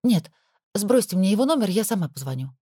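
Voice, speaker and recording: A woman's voice: mid-range voice, sing-song, a little fast, mellow, breathy edge, dry recording, studio quality. A woman voicing a desperate young woman in an audiobook, pleading urgently. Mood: anxious.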